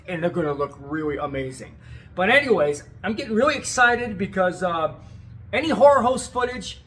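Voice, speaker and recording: A man's voice: high voice, fairly bright tone. A middle-aged American man giving a casual, rambling vlog update as a restorer, enthusiastic and often repeating himself. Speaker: video tape restorer and channel host.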